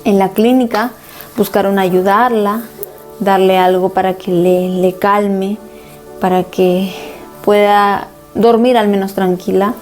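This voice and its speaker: A woman pastor delivers a sermon as a personal testimony, recounting events earnestly and in storytelling fashion. Her voice is mellow and warm, sitting at a middle pitch, with soft music playing faintly behind her. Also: fairly even intonation, takes it slowly.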